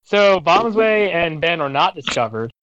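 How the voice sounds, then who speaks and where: A man's voice: on the high side, sing-song, a little slow, muffled recording, background noise. A man acting as game master, casually asking players for checks and describing events. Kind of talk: running a tabletop game.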